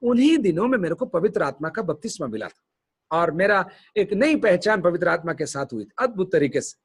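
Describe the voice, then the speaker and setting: A middle-aged pastor from India preaching a sermon, telling a personal story and acting out the dialogue with lively shifts of voice. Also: male voice, fairly quick, breathy edge. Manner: animated storyteller, acts out dialogue with shifting pitch.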